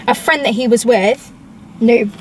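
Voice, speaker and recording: A woman's voice: on the high side, a little slow, a little mellow, slight background noise. A young woman chatting informally as a host over a meal, often saying "like". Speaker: YouTube host reading out questions. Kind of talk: casual chat over a meal.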